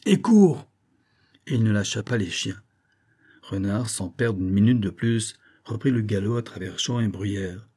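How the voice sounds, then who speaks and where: A man reads a storybook aloud with a measured, even delivery. His voice is mellow and soft, with a husky grain. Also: on the low side. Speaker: narrator. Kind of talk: storybook reading.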